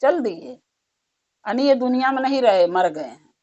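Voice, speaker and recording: Woman doing a calm, patient holy man giving instructions, highish voice, dull lo-fi recording. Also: unhurried. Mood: instructing. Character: wise wandering holy man, calm and testing.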